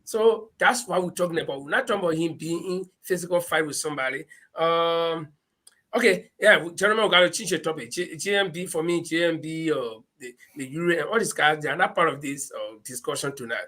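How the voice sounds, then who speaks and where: A man with a Liberian accent hosting an animated live political discussion, speaking emphatically and repeating his phrases. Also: a little high, a little fast. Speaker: panel host.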